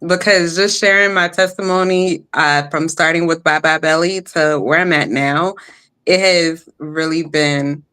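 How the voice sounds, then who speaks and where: A woman guest sharing a personal testimony, hesitant with many pauses and light laughs. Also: low-pitched, fairly even intonation, bright, forceful tone, smooth.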